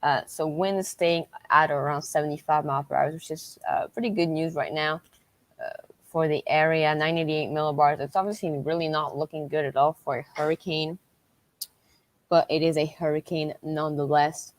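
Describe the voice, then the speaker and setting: Woman doing live hurricane tracking stream, low voice, kinda halting and repeats herself, really dry close sound. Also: steady tone, dry recording. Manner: halting, repetitive explaining. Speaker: livestream weather host. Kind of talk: unscripted live storm-tracking commentary.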